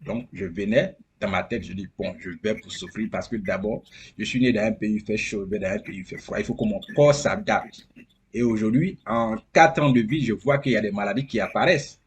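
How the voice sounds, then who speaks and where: A man's voice: lowish voice, a little fast, husky. A man from Côte d'Ivoire, talking as a guest in a casual interview, earnest and repeating phrases for emphasis.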